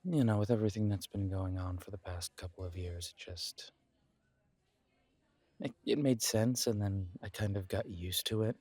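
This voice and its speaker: A slightly rough, fairly low male voice, recorded with no room sound, plays a friendly homebody best friend in a close, one-sided roleplay. His casual, halting phrases gently encourage, and the mood stays gentle and reassuring.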